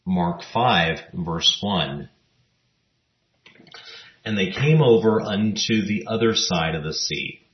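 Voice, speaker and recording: Deep, slow-spoken man teaching scripture. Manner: measured, even reading of scripture verses. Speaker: Bible teacher. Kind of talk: scripted Bible teaching narration. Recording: roomy, dull lo-fi recording.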